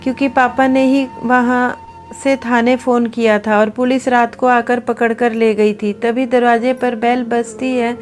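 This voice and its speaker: High-voiced woman storyteller. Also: level tone, unhurried, soft background music. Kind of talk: scripted narration.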